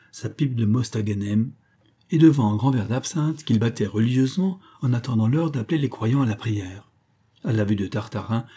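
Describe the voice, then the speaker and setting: A man reads a classic novel aloud as an audiobook narrator, his delivery measured and expressive. His voice is on the low side with a breathy edge.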